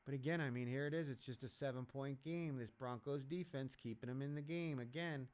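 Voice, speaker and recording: A man's voice: medium pitch, brisk, a little mellow. A man hosting a live sports betting stream, giving blunt, profane, rambling reactions to the game as it plays. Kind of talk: casual live game commentary.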